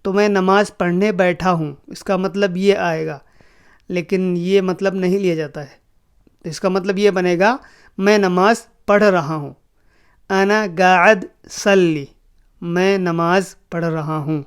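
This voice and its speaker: A man teaching a spoken language lesson, slowly repeating each phrase for learners. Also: high-pitched, fairly even intonation, clear, resonant tone. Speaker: Arabic teacher.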